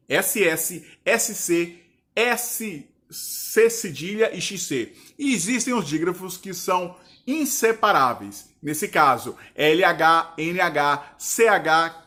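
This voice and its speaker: A male teacher with a slightly high-pitched, pushed and bright voice gives a didactic grammar lesson. He pauses often to check whether the viewer is following, and he stretches words out slowly as he splits them into syllables.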